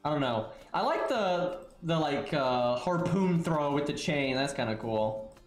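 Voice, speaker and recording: A man's voice: a little high, animated, unhurried, roomy sound, faint music behind. A congested, sniffly man breathing through his mouth, giving rambling, casual game stream commentary to his viewers. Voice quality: congested, stuffy-nosed.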